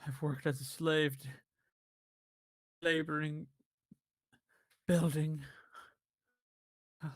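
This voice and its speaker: A man doing a weak raspy starved wizard. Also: a little high, flat delivery, no echo. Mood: weary. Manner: halting, broken-up speech. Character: weak emaciated male wizard prisoner.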